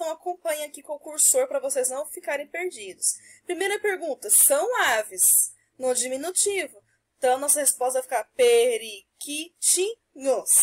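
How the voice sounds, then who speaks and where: High-voiced woman teacher, slow and clear. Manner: slow, clear, drawn-out answers. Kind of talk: recorded homework correction for children.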